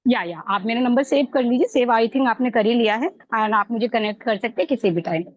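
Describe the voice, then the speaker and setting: A woman's voice: on the high side, fairly quick, no room sound, dull audio. A woman from Lucknow, a sales trainee, chatting politely and mixing English into her speech. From Lucknow, India. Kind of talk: casual call chat.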